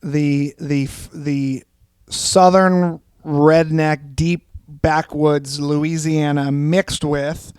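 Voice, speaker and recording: A man hosting a casual podcast, halting and restarting, with dry jokes. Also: fairly high pitch, flat delivery, darkish tone, clean tone, no echo. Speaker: podcast host.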